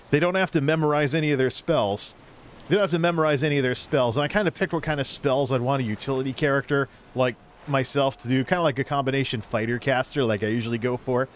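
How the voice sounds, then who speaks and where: A man's voice: mid-range voice, fairly quick, a little hiss or hum. A man giving casual gameplay commentary, rambling and thinking aloud as a video creator.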